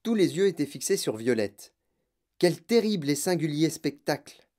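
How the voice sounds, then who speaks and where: A woman narrating a children's storybook aloud in a steady, clear way. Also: deep voice, normal speed.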